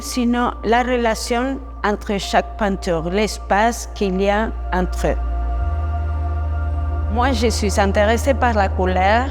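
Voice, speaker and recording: Slow-woman, long echoing reverb. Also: mid-range voice. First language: Spanish. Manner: deliberate, halting non-native French phrasing. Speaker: artist presenting their exhibition. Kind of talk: guided exhibition talk. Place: echoing gallery stairwell and rooms. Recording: long echoing stairwell reverb, music underneath. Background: music.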